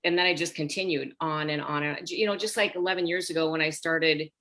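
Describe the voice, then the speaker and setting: A women's health coach in her sixties talks animatedly on a group video call, addressing everyone directly as "you guys." Her voice is low and a little fast.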